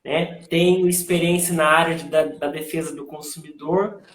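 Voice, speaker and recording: A man, a lawyer speaking as a guest on a live online interview over a video call. He talks in a measured, reflective way. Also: on the high side, fairly even intonation, a bit bright, echoey room. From raised in Minas Gerais, Brazil.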